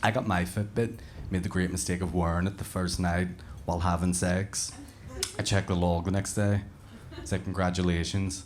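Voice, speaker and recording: A Northern Irish man working a live comedy crowd with a slightly low voice. He is cheeky, swears freely and rises loud and high for his punchlines. The room's ambience sits clearly behind him. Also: little pitch movement, moderate pace, slight background noise. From Northern Ireland. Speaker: stand-up comedian. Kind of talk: stand-up comedy set. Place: live comedy venue with an audience.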